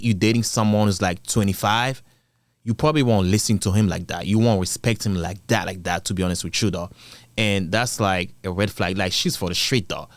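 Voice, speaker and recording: A man's voice: lowish voice, no room sound. A man hosting a drama channel, giving casual, blunt, slangy reaction commentary with repeated rhetorical questions.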